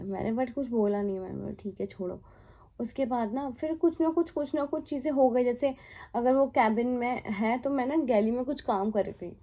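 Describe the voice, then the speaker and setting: A woman's voice: on the high side, lo-fi sound. A young woman, a cabin crew member, casually telling a story in a chatty way, mixing English words into Hindi with many fillers. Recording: faint background music. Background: soft background music.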